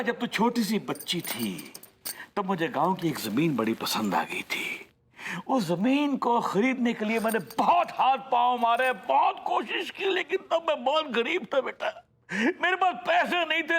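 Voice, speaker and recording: A man's voice: sits high, a bit bright, breathy edge, full character voice. An actor playing a boisterous, doting older father who tears up over his daughter and mocks his son-in-law, theatrical in delivery. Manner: theatrical, swings from tearful to mocking. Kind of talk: sitcom acting.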